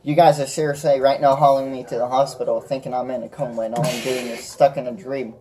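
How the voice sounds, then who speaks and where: A man's voice: mid-range voice, level tone, fast, dark tone. A man chatting casually and jokingly, prone to breaking into laughter. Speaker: card game player.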